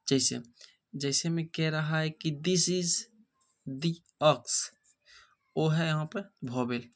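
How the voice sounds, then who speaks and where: A man teaching an English grammar lesson, asking rhetorical questions and checking whether students follow. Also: on the high side. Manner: repeats rhetorical questions, checks understanding often.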